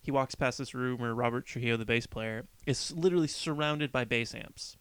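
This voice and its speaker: A man co-hosting a podcast, casually retelling a movie with relaxed fillers. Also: medium pitch, a little fast, clean tone, dry recording. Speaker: podcast co-host. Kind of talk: casual chat about a film.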